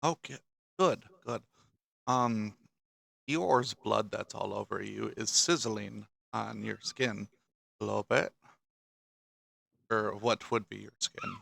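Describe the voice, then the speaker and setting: A man narrating a tabletop game as dungeon master, halting and restarting often. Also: lowish voice, gravelly, fairly bright tone. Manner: halting, with many restarts and fillers.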